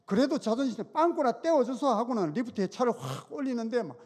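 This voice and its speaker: A middle-aged man giving an animated testimony in church, acting out the dialogue in his story. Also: very high voice, quick pace. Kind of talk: testimony sermon. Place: church sanctuary. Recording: long church hall reverb.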